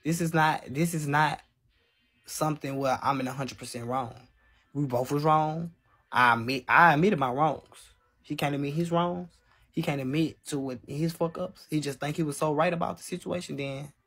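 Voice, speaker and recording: Young man in his 20s, husky tone, slightly high voice, candid live-streamer answering chat on a phone. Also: moderate pace, fairly bright tone. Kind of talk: casual live-stream talk to viewers. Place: small room indoors. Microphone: phone held at arm's length.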